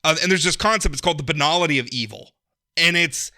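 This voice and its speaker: Male commentator, casual political chat, very bright forceful tone, emphatic delivery. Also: a little high, quick pace.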